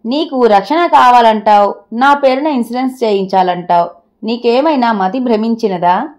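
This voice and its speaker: A woman's voice: fairly high pitch, moderate pace, darkish tone, close to an everyday voice. A woman storyteller voicing an anxious, bewildered husband who pleads with his wife in a read-aloud audio story. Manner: worried, pleading questions. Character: anxious bewildered husband, middle-aged man.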